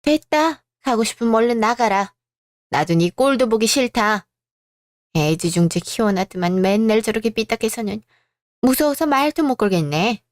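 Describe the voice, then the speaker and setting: Woman doing a shrill old mom, nags and scolds nonstop, radio drama vibe. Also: animated, normal speed, no room sound, natural voice. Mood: furious. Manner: scolding, nagging. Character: shrill elderly mother favoring her elder son.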